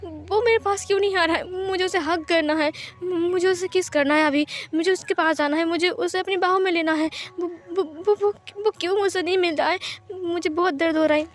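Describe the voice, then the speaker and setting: Woman putting on a lovesick guy begging to see his love, stutters, rushes, pitched up high. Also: steady tone. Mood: desperate. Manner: stammering, pleading. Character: lovesick young man desperate for his lover.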